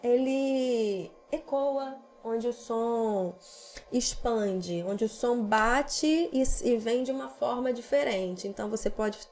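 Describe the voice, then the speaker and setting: A woman's voice: a little high, takes it slowly, darkish tone. A woman singing teacher with a Brazilian accent, patiently explaining vocal technique in a casual podcast chat. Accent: Brazilian Portuguese.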